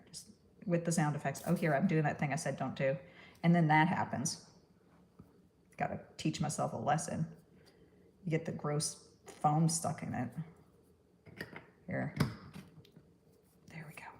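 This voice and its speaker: Rambling through a casual crafting livestream, this woman from New York with a Texan accent makes stop-motion puppets and laughs at her own puns. Her voice is low and darkish, with slight background noise behind it.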